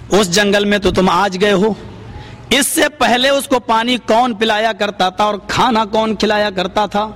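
A preacher voicing a stern divine voice that rebukes a prophet, solemn and raised. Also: male voice, sits high, a bit bright, in a large hall.

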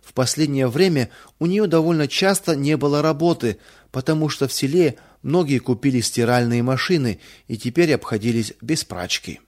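Man gently reading a children's story. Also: mid-range voice, moderate pace. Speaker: narrator.

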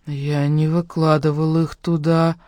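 A woman voicing a weak young man lying in a hospital bed, speaking faintly, in hushed half-whispers. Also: sits low, flat delivery, measured pace, no echo. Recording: dry close studio sound.

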